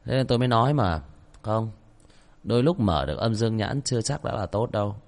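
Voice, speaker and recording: A man narrating a horror story as host, calling out loudly in the tense scenes. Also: lowish voice, expressive, fairly quick. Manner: shouts out names during tense scenes. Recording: soft music behind the voice.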